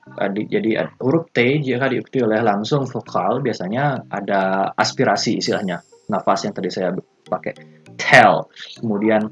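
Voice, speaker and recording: Low-voiced Indonesian man teaching English. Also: slightly rough. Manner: switches languages, models phrases slowly and repeats them. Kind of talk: recorded classroom lesson.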